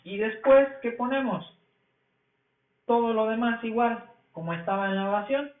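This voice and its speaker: A man with a Mexican Spanish accent teaching an English grammar lesson, explaining slowly and repeating each point. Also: very high-pitched. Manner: slow, repetitive explaining. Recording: echoey, phone-like lo-fi sound.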